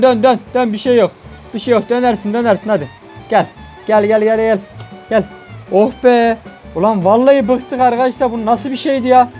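A man's voice: very high voice, darkish tone. A man giving role-play gameplay commentary, chatting to viewers in a theatrically exasperated way. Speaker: gaming YouTuber.

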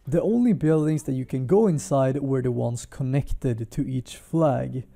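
Tired guy talking through game maps, really dark mellow tone, calm and measured. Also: mid-range voice, creaky. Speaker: gaming content creator. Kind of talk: game commentary voice-over. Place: hotel room.

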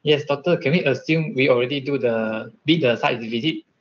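Young male student, mid-pitched, hesitant questioning over a dull video-call line. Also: brisk. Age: young adult. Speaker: university student. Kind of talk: asking questions in an online tutorial. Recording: muffled video call audio.

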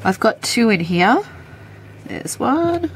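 Her voice is on the high side with big pitch swings, slow, and nasal and stuffy from a cold. This pet keeper chats casually while handling her animals and explaining them to a handheld camera, standing by a terrarium at home for a show-and-tell vlog. There's a little hiss or hum.

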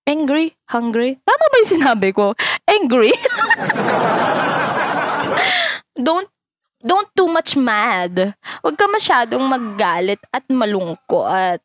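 Woman vlogger, mocking and playful, swinging pitch, laughs loudly, noisy audio. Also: sing-song, measured pace. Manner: switches between Tagalog and broken English. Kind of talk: casual reaction vlog.

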